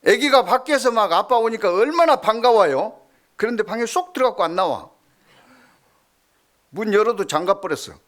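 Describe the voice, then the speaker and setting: A middle-aged male pastor preaching a sermon, telling stories with swings from loud to hushed. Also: sits high, expressive, normal speed, pauses often.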